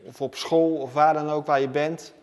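A man's voice: a little high, steady tone, normal speed, a little mellow. Man preaching in an echoing hall. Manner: emphatic, repetitive preaching cadence. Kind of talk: sermon.

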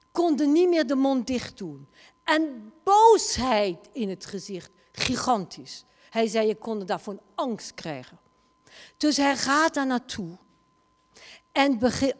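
A woman preaches to a congregation and retells a story with theatrical swings in loudness. Her voice sits fairly high and moves at an unhurried pace. It carries a long reverberant tail from a large hall. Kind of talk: sermon storytelling.

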